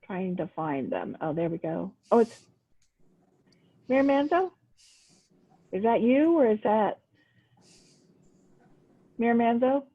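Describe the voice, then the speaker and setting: A woman's voice: on the high side, expressive, slow pace, pauses often, husky. A woman acting as meeting clerk, heard over a group voice call, hesitant and searching aloud as she manages callers. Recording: tinny phone-like call audio.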